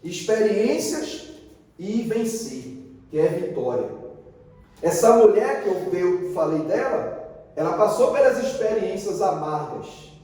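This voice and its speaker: A man with a high but mellow voice preaches in a big church, telling his story vividly and acting out every exchange. His voice rings around a large hall with long reverb, heard from some distance off the mic. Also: slow pace. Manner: lively storyteller who acts out the dialogue. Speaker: pastor. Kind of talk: sermon with storytelling. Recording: echoey hall, voice from far off.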